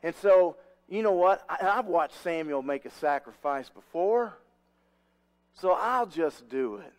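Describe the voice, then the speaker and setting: A man's voice: a little high, animated, measured pace, pitched above the performer's own voice. A man voicing a proud, nervous ancient king talking himself into a rash act in a raised voice. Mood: self-justifying.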